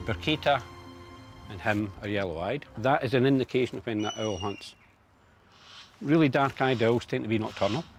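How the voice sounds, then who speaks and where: A man's voice: mid-range voice, normal speed, soft background music. A man who keeps birds of prey, explaining them in a matter-of-fact way with dry humour, outdoors. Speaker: bird of prey keeper. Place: outdoor bird of prey centre.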